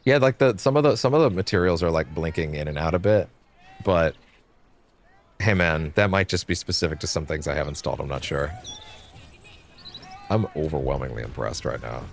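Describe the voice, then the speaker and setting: Low-voiced casual male game streamer. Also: fairly quick, vocal fry, long pauses, a little hiss or hum. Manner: informal, sweary, thinking aloud. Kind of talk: casual live gameplay commentary. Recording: game music behind voice. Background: game music.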